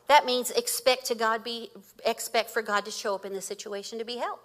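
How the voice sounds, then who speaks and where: Bright-voiced woman in her fifties. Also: fairly high pitch, brisk. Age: 50s. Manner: animated storytelling with laughter. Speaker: guest speaker. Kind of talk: sermon.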